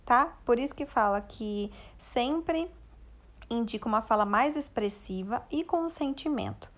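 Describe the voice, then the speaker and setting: A woman's voice: a little high, expressive, unhurried. A woman teacher with a Brazilian Portuguese accent, giving a recorded lesson for children and patiently guiding the class with questions.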